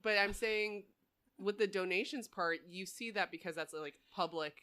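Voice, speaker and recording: A woman's voice: medium pitch, normal speed, pushed and bright. A young adult woman co-hosting a podcast, dry and teasing, arguing her points in casual chat. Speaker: podcast co-host.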